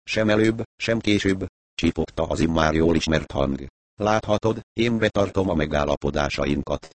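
A man's voice: low-pitched, no room sound, natural voice. A man voicing a fussy, eager male lawyer who chirps his lines in a raised, piping tone. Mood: eager, chirping.

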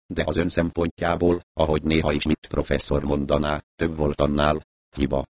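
A man playing a calm, shrewd middle-aged detective who reasons patiently with a mildly mocking edge. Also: very deep voice, no room sound. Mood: calm reasoning.

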